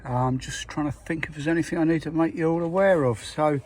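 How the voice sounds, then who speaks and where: A man's voice: on the high side, fairly even intonation, fairly quick, a little mellow. Chatty man fixing a van. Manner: chatty, plain-spoken, many fillers and restarts. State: out of breath. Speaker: van mechanic showing a repair. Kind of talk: casual how-to talk.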